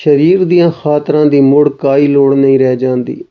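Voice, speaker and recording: A man reading the lines of a gentle, saintly male master in a soft, consoling way, as part of a recorded story reading. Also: fairly high pitch, fairly even intonation, normal speed, muffled recording, lightly acted. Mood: tender, consoling.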